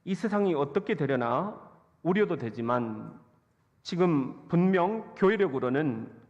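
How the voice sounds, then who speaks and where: Slow, lively male pastor in echoey hall. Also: on the high side. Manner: humorous storytelling with acted-out quotes. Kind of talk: sermon. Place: church sanctuary. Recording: echoey church hall, dull lo-fi sound.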